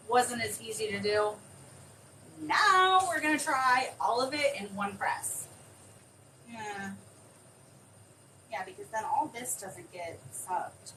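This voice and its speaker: A woman demonstrating a craft on a live stream, chatting excitably and thinking aloud as she works. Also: fairly high pitch. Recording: distant mic with clear background noise.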